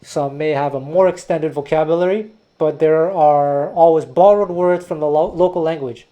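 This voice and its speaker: A music teacher and video host from Quebec, Canada, whose first language is Taiwanese, gives a thoughtful, digressive history lesson. He often restarts words, speaking at normal speed in a warm voice on the high side.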